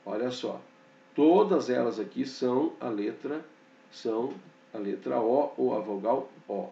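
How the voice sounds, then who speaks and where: A man teaching a slow, explanatory grammar lesson, pointing things out on a board and checking in often with short fillers. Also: medium pitch, vocal fry, dark tone, distant mic. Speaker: Hebrew teacher. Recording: dull, echoey room, off-mic.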